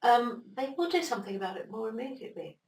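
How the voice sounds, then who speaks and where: A woman explaining ideas as an interview guest, animated and acting out little inner voices as she talks. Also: on the high side, fast. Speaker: interview guest, brain expert. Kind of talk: conversational interview. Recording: roomy, distant mic, faint noise.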